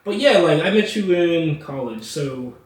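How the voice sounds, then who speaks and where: A man's voice: on the high side, expressive, unhurried. A young man hosting a casual podcast chat, laid-back, with lots of fillers and laughs. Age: young adult. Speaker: podcast host. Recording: echoey room, mic at a distance.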